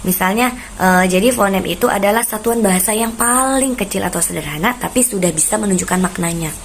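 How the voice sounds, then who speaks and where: A woman's voice: mid-range voice, brisk. Woman lecturing with noticeable background noise. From Indonesia. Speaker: lecturer presenting a course module. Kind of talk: instructional lecture, presenting points in order.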